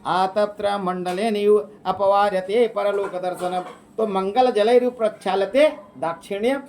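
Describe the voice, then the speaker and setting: A man teaching Sanskrit exam questions, reading options aloud, slowly chanting verses and explaining each answer in casual, repetitive speech. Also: sits high, fairly even intonation, darkish tone. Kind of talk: exam question walkthrough lesson.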